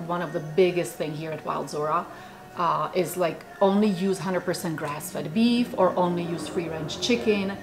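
A woman from the Czech Republic in her forties with a Czech accent, chatting animatedly in an interview in a small office, with many fillers. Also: on the low side. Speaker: food company founder. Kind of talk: casual interview chat. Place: small office with bookshelves, indoors.

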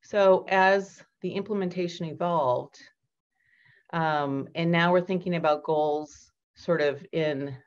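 Woman giving a slide talk over a dull video call. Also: low-pitched. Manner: measured, explanatory, frequent ums and restarts. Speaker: keynote speaker. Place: indoors at home on a video call. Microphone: computer mic on a webcam call.

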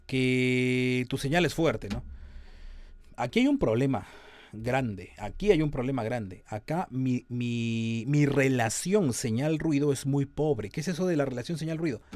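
A man's voice: mid-range voice, lively intonation, a little slow, a little mellow, dry recording. A man teaching a class on audio processing. He talks through each step and keeps asking the students whether they are still with him. The recording is dry and close. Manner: explanatory, asks students if they follow. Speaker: audio production lecturer. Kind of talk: online class demonstration.

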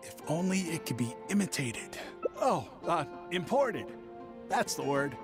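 Game role: nervous young travelling merchant, high animated voice, evasive, faint music behind. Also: male voice, a little slow. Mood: ingratiating. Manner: hesitant, stammering, evasive. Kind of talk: scripted video game voice acting.

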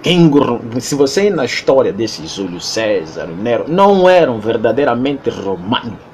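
Man, Angolan Portuguese accent, emphatic, lecturing, repetitive, medium pitch. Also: big pitch swings, moderate pace, a little mellow, a little hiss or hum. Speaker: interviewee. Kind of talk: impassioned monologue.

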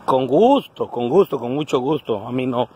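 This selfie vlog has a forties-aged man with a coastal Guerrero accent from Mexico chatting to camera, first inside a house, then on a roadside, the phone at arm's length. He's animated at a moderate pace, his medium-pitched voice darkish and breathy, his speech salty and colloquial.

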